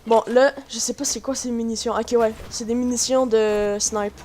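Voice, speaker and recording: A woman with a Quebec French accent giving chatty, excitable commentary on her gameplay to her viewers. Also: a little high, normal speed. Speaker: gaming YouTuber. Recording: noisy home recording.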